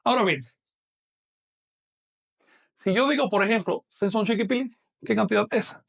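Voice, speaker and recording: A man's voice: sits high, normal speed, creaky, a bit bright. A man teaching a math class online, explaining patiently and quizzing a student as he goes.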